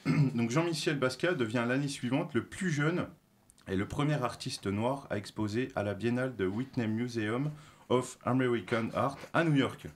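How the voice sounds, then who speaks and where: On a talk show, a man at normal speed and medium pitch explains a segment from notes. He uses plenty of filler sounds, corrects himself often, and tosses in light jokes at his own expense.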